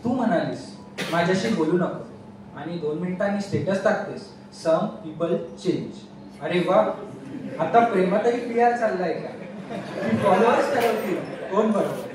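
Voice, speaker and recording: A man's voice: high voice, animated, moderate pace. A young man reciting a humorous poem at a student event, with a teasing, mock-exasperated delivery. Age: young adult. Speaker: student poet. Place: large echoey hall on stage. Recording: echoey hall from far off, faint noise.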